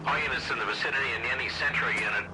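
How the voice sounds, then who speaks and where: An actor playing a male police dispatcher in a video game, rattling off codes in a clipped, rapid manner over a police radio transmission. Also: medium pitch. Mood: brisk. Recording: loud static over distant radio.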